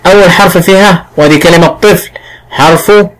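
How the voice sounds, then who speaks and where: Egyptian guy teaching kids letters, kinda high voice, stretches out every syllable. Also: a bit bright, poor audio. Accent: Egyptian Arabic. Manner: slow, drawn-out sounding of syllables. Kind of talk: classroom phonics lesson.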